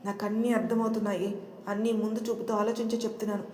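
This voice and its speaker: A woman's voice: mid-range voice, flat delivery, quick pace, a little mellow, a little hiss or hum, natural voice. A woman voicing a scolding middle-aged mother. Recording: echoey room.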